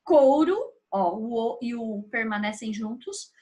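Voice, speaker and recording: A woman's voice: on the high side, little pitch movement, normal speed. A woman teacher with a Brazilian Portuguese accent, patiently explaining a grammar lesson step by step and checking in with her students. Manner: patient, explaining step by step with frequent tag questions.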